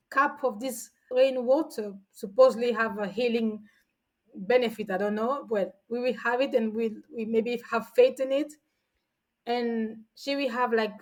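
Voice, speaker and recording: On a low-quality recording, a woman with a fairly high voice tells stories casually. She's in her forties, from São Tomé and Príncipe, and appears as a guest, chatting away and frequently restarting her sentences.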